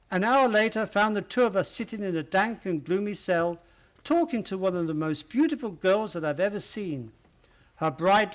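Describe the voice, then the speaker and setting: A man acts a loyal gentleman doctor in a radio mystery. His voice is notably high for a man. He speaks earnestly, in an old-fashioned, slightly bemused way. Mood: earnest, storytelling. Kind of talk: radio play acting.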